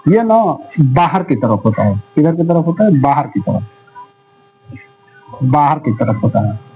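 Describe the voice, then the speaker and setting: A man's voice: fairly high pitch, sing-song, measured pace, mellow. A man teaching a class in a casual, repetitive way, asking questions and answering them himself. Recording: dull lo-fi sound with faint music.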